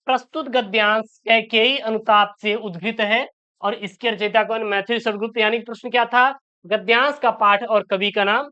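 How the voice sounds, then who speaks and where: A man's voice: high-pitched, bright, forceful tone, clear, resonant tone. A man teaching an exam-prep lesson, asking questions aloud and answering them himself, often throwing in "sir" as a filler. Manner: keeps tossing in "sir" as a filler. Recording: dull lo-fi recording.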